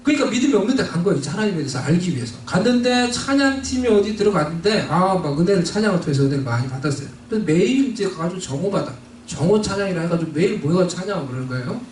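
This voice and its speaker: A man delivers a storytelling sermon in a high, animated voice that rises and falls widely. He sits back from the microphone in a roomy church, with faint noise underneath. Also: far from the mic. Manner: storytelling, switching between Korean and English. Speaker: pastor. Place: church sanctuary.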